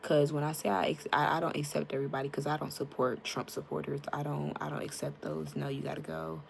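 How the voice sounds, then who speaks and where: This young American woman streams live, greeting viewers by name and chatting candidly with many fillers into a tablet microphone. She talks fast in a low-pitched, creaky voice with little pitch movement, and a slight hiss or hum runs underneath.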